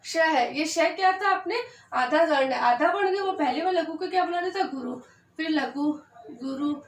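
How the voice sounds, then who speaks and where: High-voiced woman teaching in an echoey room. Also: moderate pace. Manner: patient, asks and answers her own questions. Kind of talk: Hindi poetry meter lesson, counting aloud. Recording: echoey room, far from the mic, faint noise.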